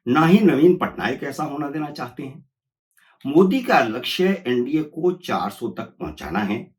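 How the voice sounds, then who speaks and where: Lively-pitched Hindi political commentator man. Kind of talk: political analysis monologue.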